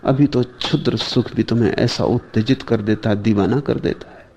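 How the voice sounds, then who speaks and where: A man delivers a spiritual discourse in a slow, measured way, with long pauses between short phrases. His voice is mellow and dark, with a gravelly edge. He often turns to his listeners with rhetorical questions. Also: medium pitch, slight background noise. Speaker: spiritual teacher.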